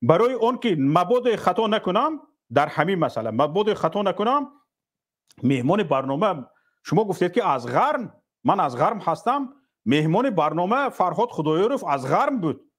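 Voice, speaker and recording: A man's voice: sits high, sing-song. A man hosting a call-in talk show who speaks sternly and rebukes his critics.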